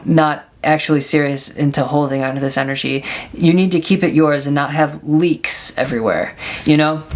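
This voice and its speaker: A woman's voice: sits low, a little hiss or hum. A woman fortune teller giving a casual, chatty tarot card reading, offering encouraging advice with little affirming mm-hmms.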